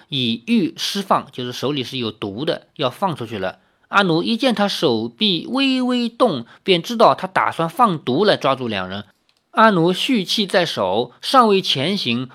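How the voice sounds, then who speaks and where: A man's voice: fairly high pitch, very animated, a little slow, fairly bright tone. A man reading a novel aloud as a storyteller, stopping to explain the plot in his own words. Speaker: audiobook reader.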